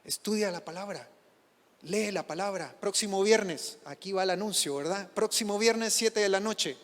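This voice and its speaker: A pastor preaching a sermon in a church, emphatic and repetitive, building phrases up into loud exclamations. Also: male voice, high voice, normal speed. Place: church sanctuary. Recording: echoey church hall.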